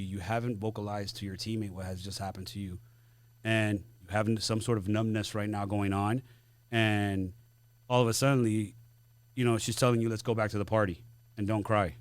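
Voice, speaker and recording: A man hosting a podcast, explaining in a conversational way and often pausing on fillers. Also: on the low side, no room sound. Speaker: podcast host.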